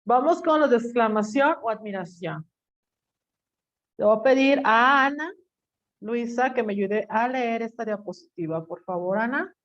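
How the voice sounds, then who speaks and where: In an online class lecture, a woman with a slightly high voice teaches in a chatty, teasing manner, often pausing to quiz her students. Her intonation is lively and her pace unhurried. The audio sounds dull and muffled, like lo-fi sound.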